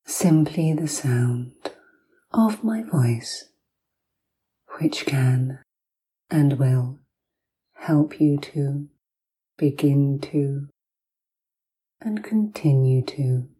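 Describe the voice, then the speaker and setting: A woman host speaking softly and soothingly in a breathy, near-whispered voice, narrating guided hypnosis like a sleep story, with long pauses between short phrases. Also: very deep voice, expressive, low-quality recording.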